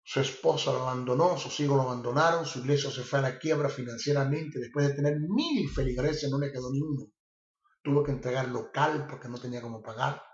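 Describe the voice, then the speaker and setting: A man's voice: medium pitch, fairly quick. A male preacher giving a sermon, emphatic and often repeating himself. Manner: emphatic and repetitive. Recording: roomy, slightly dull recording.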